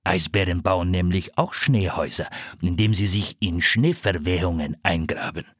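Patient storybook seal hunter, slow measured words, low husky voice, as a man voices him. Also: no room sound. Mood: calm. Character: calm, kindly older male seal hunter.

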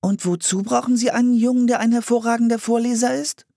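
A man's voice: very high voice, steady tone, quick pace, gravelly, mellow, no room sound, studio quality, pitched above the performer's own voice, full character voice. A man voicing a bold young girl who speaks in an insistent, indignant way.

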